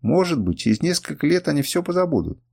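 A man's voice: on the high side, big pitch swings, fast, gravelly, a little mellow, pitched above the performer's own voice, exaggerated voice. A man playing a scheming older merchant who coaxes and soothes his young ward. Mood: coaxing. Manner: soothing, coaxing. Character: smooth, scheming older male merchant guardian.

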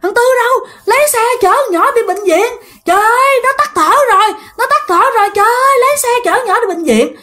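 An old grandmother shrieking orders in alarm, as a woman storyteller acts her out. Her voice leaps very high and rushes along in a spoken ghost story. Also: expressive, bright, forceful tone, heavily acted. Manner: shrieking and urgent. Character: old grandmother screaming for help.

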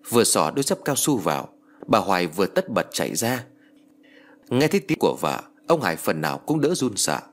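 Male audiobook narrator, husky timbre, suspenseful scripted reading of a horror tale. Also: lowish voice. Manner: lively, suspenseful storytelling.

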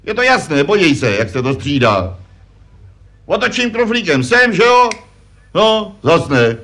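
A man's voice: on the high side, big pitch swings, a bit bright. A man voicing a pompous, know-it-all puppet father in a vintage puppet comedy sketch, lecturing his son. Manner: self-important, lecturing, fond of "že jo". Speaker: puppet performer.

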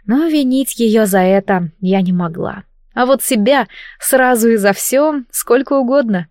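A woman narrating a first-person audiobook with wry, lively storytelling. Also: on the high side, a little slow, no room sound, clean studio sound.

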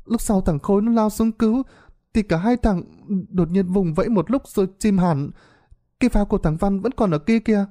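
A man's voice: high voice, normal speed, warm tone, voice pushed up, lightly acted. A man doing a frightened stammering village boy. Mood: panicked. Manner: breathless, stammering, urgent.

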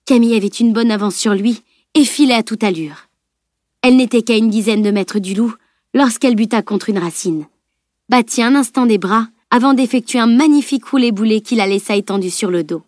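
A woman reading a novel aloud as audiobook narrator, in a measured, even storytelling voice. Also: on the high side, no room sound, studio quality.

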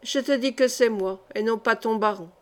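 A woman's voice: on the high side, normal speed, lightly acted. A woman reading the part of a boastful, greedy young man getting drunk at a feast. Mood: tipsy swagger.

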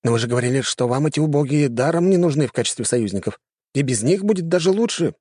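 A man's voice: mid-range voice, expressive, quick pace, a little mellow, slightly rough, dry recording, voice pushed up. A man voicing a deferential male spy giving a report in an audiobook, matter-of-fact.

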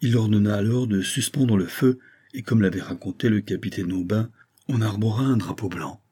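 A man reading a classic adventure novel aloud in a measured storytelling manner. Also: fairly low pitch, dark tone, breathy edge. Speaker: audiobook narrator. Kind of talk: scripted narration.

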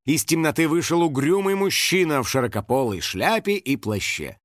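A man narrating a children's story in a lively, expressive storytelling voice. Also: on the high side, moderate pace, no echo, studio quality.

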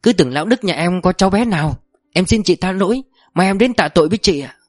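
A woman's voice: fairly quick, darkish tone, no room sound, studio quality, faint music behind, close to an everyday voice. A man voicing a jealous, hot-tempered young wife who snaps shrilly and then turns fawning. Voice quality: shrill when angry, fawning when scared.

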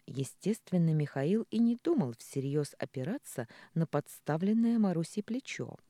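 Brief: male audiobook narrator, dark mellow tone, animated rise and fall, dry close mic. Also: fairly high pitch, moderate pace, no room sound. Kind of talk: expressive storybook narration.

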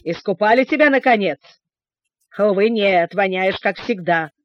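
A woman's voice: mid-range voice, animated, moderate pace, dry recording, close to an everyday voice. A woman voicing a teenage boy who taunts people with sarcastic politeness. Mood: cheeky. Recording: dull, dry recording.

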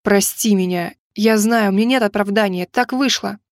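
A woman reading an audiobook voices a persistent young man who pleads slowly for forgiveness. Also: medium pitch, no echo, studio quality, lightly acted. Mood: pleading.

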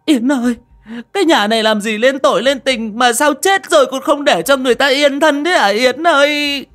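A woman's voice: high voice, moderate pace, fairly bright tone. A woman voicing a bossy, worried old village mother who scolds and wails in a horror audiobook. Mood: wailing. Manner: scolding, wailing.

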